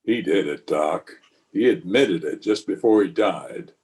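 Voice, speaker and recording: A man playing a calm, plain-spoken frontier marshal in a radio western, measured and laconic. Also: low-pitched. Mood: matter-of-fact. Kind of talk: old-time radio western acting.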